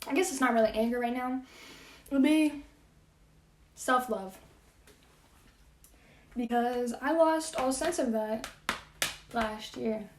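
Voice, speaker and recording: A teenage girl talks frankly in a casual vlog, laughing often and dropping into soft asides. Her voice sits a little high. The room around her is echoey. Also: slight background noise. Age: teens. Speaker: vlogger.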